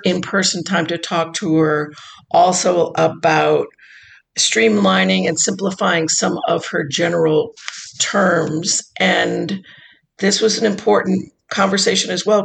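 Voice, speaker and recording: A woman investor, formerly a chief investment officer, speaking in an interview with measured, deliberate explanations. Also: lowish voice, creaky, slight background noise, poor audio. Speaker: investor, former endowment CIO. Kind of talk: interview conversation.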